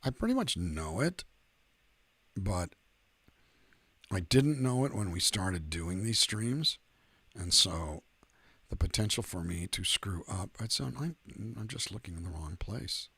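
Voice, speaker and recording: A man's voice: low-pitched, lively intonation, measured pace, long pauses, pushed and bright, husky, no echo. A middle-aged man, a singer-songwriter hosting a livestream, chatting casually in a rambling, self-deprecating, joking way.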